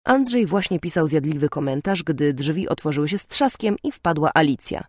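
Expressive woman reading a novel. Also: sits low, moderate pace, husky, dry recording, clean studio sound. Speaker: audiobook narrator. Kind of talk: audiobook narration.

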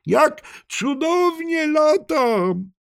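A man voicing an excitable male tortoise in an audiobook, with high squeaky exclamations. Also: slow, breathy edge, no echo, clean studio sound, heavily acted. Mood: delighted. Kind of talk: audiobook character voice.

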